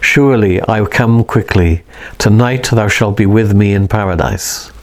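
A man reading the part of a calm, mysterious young man who speaks gently and solemnly. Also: on the low side, a little slow. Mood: serene.

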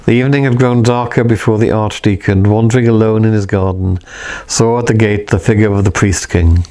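A man reading a novel aloud in a quiet, measured, reflective way. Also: fairly low pitch, fairly even intonation.

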